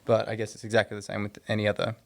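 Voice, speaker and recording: A man co-hosting a podcast, talking in a relaxed, casual way and often answering with short agreeing replies. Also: fairly low pitch, racing, vocal fry. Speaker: podcast co-host.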